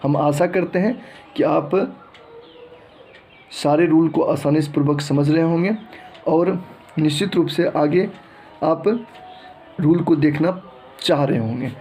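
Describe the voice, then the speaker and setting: A man's voice: on the high side, slow, pauses often, mellow, a little hiss or hum. A man teaching English letter pronunciation, reading word lists one by one and often restarting his phrases. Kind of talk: explaining a lesson.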